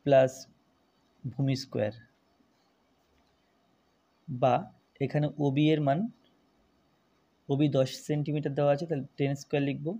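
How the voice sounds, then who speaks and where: A man's voice: mid-range voice, warm tone. A man teaching a math lesson, working through each step methodically and repeating it as he goes.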